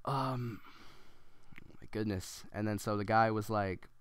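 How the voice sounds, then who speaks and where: A man's voice: lowish voice, slow, clear, resonant tone, no echo. A man rambling through a story as casual gameplay commentary, with many ums and restarts.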